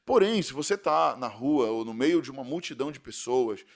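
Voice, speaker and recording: A Brazilian man, a pastor, giving a podcast sermon in a conversational style with frequent tag questions, slowing down to stress key words. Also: medium pitch, lively intonation, vocal fry. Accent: Brazilian Portuguese.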